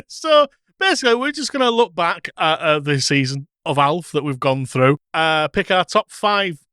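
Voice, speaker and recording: A man co-hosting a chatty podcast, rambling along with frequent chuckles and ums. His voice sits a bit high for a man, and the sound is dry and close. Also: animated, moderate pace, bright, forceful tone, clean tone, no echo. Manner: chuckling, rambling, many fillers. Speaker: podcast co-host. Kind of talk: casual chat.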